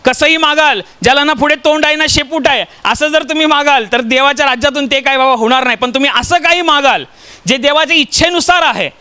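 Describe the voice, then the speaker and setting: A man's voice: extremely high pitch, a little fast, bright, forceful tone. A man from Maharashtra preaching a sermon, telling stories and putting rhetorical questions to the congregation. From Maharashtra, India.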